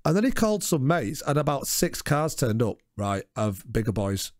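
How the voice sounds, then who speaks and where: A man's voice: mid-range voice, very animated, moderate pace, dry recording, clean studio sound. A man co-hosting a podcast, telling rambling stories in casual chat and laughing often. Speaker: podcast co-host.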